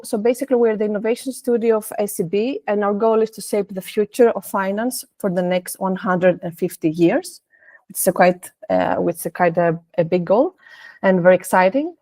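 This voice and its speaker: A woman presents a technical talk, often restarting her sentences and pausing on fillers. Her pitch sits in the middle range, and the sound is dry and close. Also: darkish tone, no room sound. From Greece. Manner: hesitant, many restarts and fillers. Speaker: presenter, senior data scientist.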